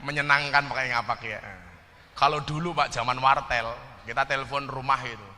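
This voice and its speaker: In a long, reverberant hall with faint background noise, a man with a Javanese accent preaches humorously to a gathered audience, teasing them over regional dialects and directing questions at them. His mid-range voice has a sharp tone, fairly even intonation, and normal speed.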